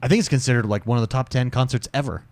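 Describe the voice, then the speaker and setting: A man's voice: medium pitch, rapid-fire, darkish tone, dry recording. A young man co-hosting a casual podcast, rambling and opinionated with a jokey manner. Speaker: podcast co-host. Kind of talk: casual chat.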